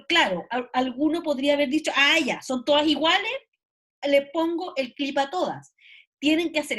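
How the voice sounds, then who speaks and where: A woman lecturing an online class, explaining with many fillers and tag questions. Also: high voice. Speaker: university lecturer. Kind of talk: online class commentary on a video.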